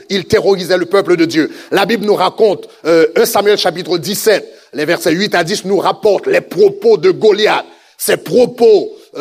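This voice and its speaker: A male preacher giving an emphatic sermon, repeating words and pausing with frequent hesitations. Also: high voice, gravelly.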